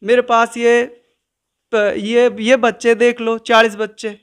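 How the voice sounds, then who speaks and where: A man's voice: very high-pitched, level tone, slow pace, smooth. A man, a village tutor being interviewed, answering hesitantly with stammers and restarts.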